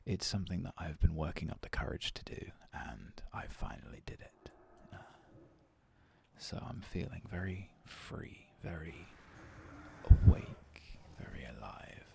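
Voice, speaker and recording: Low-pitched and unhurried, a man murmurs his way through a game in ASMR style, half-whispering. The hoarseness of a long work shift roughens his coarse, gravelly voice, and he rambles easily, with a self-deprecating streak.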